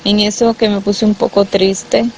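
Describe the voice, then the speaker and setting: A woman giving a personal testimony of a vision, halting with many fillers and restarts, and voicing the dialogue with feeling. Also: medium pitch, level tone, a little mellow, a little hiss or hum, poor audio. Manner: quotes dialogue with emotion. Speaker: church member telling a vision.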